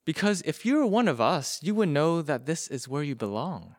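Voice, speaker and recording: A man giving voice to a stern guard at the gate of an ancient Israelite camp, firm and explaining, his voice sometimes sinking low and hushed. The sound is close and dry, with no room around it. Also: very animated, normal speed, dry recording. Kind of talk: preacher acting out an illustration.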